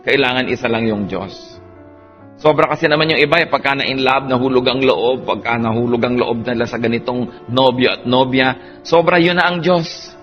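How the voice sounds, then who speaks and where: A male preacher delivers a sermon in a mid-pitched voice. He is animated, dropping soft and then rising to emphatic, lifted lines. Faint instrumental music plays behind him. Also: normal speed, dull audio.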